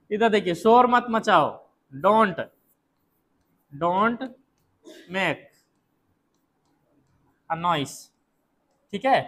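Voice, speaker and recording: A man's voice: high-pitched, expressive, a bit bright, rough recording. A man with a Hindi accent teaching a classroom English lesson, repeating points and quizzing students as he goes. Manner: slow, repetitive, drills students with questions.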